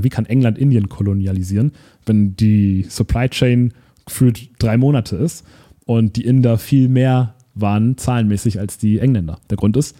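A man co-hosting a podcast, talking casually and animatedly, often restarting words and mixing in English terms. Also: mid-range voice. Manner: animated, self-correcting, mixes English words. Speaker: podcast co-host.

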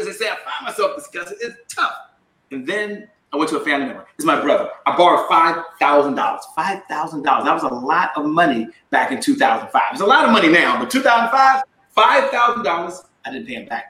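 Emphatic man with a bright, echoey voice. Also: high voice. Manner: emphatic, call-and-response with the audience. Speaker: sales coach and speaker. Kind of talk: motivational talk to a live audience. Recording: echoey room.

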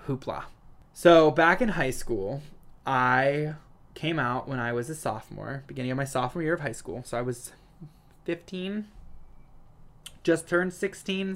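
A man's voice: a little high, fairly bright tone. A young man in his twenties talking casually and earnestly to his viewers, with lots of "like" as filler. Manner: earnest, affirming, heavy use of "like". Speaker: vlogger. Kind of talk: casual personal talk to viewers.

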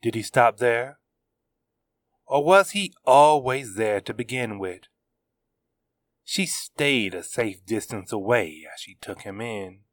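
A man narrating his own serialized web novel in a measured, steady reading. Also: medium pitch, no room sound. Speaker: author narrator.

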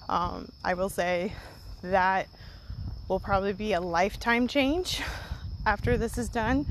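A woman's voice: medium pitch, poor audio. A woman podcast host talking informally and off the cuff to her listeners while out walking at night with crickets chirping. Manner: rambling, informal. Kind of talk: casual unscripted solo monologue to listeners. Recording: outdoor night ambience, crickets and wind. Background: chirping crickets, wind.

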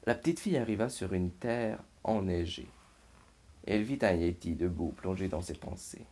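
A man reading a children's picture book aloud in a slow, expressive storytelling manner. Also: low-pitched. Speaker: reader.

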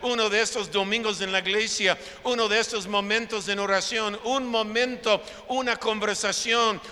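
A man's voice: high-pitched, steady tone, normal speed, bright, forceful tone. A man preaching a sermon as pastor, repeating phrases for emphasis and acting out conversations with his congregation, in a large church hall. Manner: preaching with emphatic repetition and acted-out dialogue. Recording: long church hall reverb.

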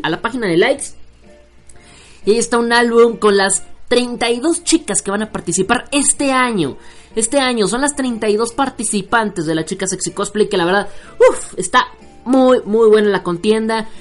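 A man with a high voice hosts an online radio show, reading listener shout-outs in a loose, joking way. His talk is full of fillers and restarts.

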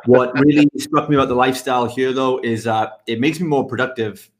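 Upbeat man from the UK. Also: mid-range voice. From United Kingdom. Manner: energetic, upbeat, quick answers. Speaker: guest, fitness business mentor. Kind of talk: podcast interview.

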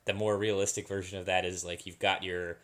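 A man co-hosting a casual sports podcast, talking in a halting way, repeating words and laughing easily. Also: low-pitched, little pitch movement, fairly bright tone. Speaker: podcast co-host.

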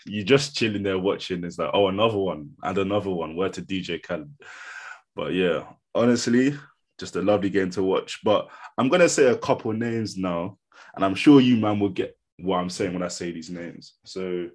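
Low-voiced London man, roadman slang. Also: normal speed, a little mellow. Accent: London, urban street slang. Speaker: podcast host. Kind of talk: casual football chat.

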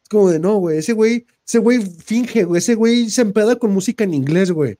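A man's voice: high-pitched, animated, a little fast, mellow, dry recording, clean studio sound. A man with a Mexican Spanish accent hosting a podcast, ranting in crude slang and slipping into mocking voices. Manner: crude, slang-heavy rant with mocking put-on quote voices. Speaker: podcast host. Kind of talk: casual podcast chat.

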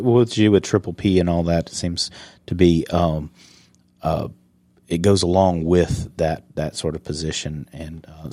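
A man from South Carolina hosts a county podcast, conducting a casual interview in an easygoing, teasing way and often restarting his sentences. His voice is low and mellow, with no echo.

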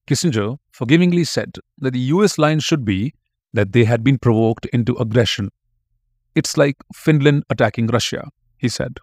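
A man's voice: mid-range voice, a little mellow, no room sound, studio quality. A man giving scripted narration as a history podcast narrator, reading out quotes in a storytelling tone.

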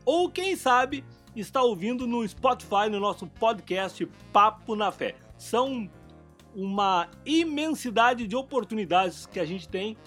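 A man's voice: sits high, lively intonation, a little slow, fairly bright tone, soft background music. A man hosting a live radio interview from a studio, upbeat and chummy, firing off friendly banter. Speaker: radio and podcast host.

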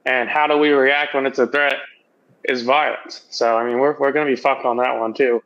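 A man's voice: medium pitch, steady tone, moderate pace, a bit bright, dull audio. A man co-hosting a podcast in casual, profane chat, laughing often. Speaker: podcast co-host.

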